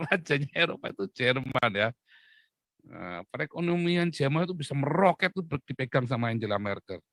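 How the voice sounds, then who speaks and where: A man's voice: mid-range voice, very animated, moderate pace, a bit bright, dry recording. Male preacher, playful and chatty, acts out voices, recorded dry. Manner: jokey, acts out dialogues, laughs often. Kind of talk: humorous sermon.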